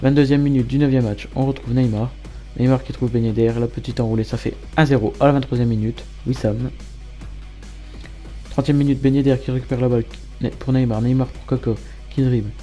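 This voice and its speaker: A man giving matter-of-fact play-by-play commentary as a gamer over his own match highlights. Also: steady tone, brisk, mellow, soft background music. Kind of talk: gameplay commentary.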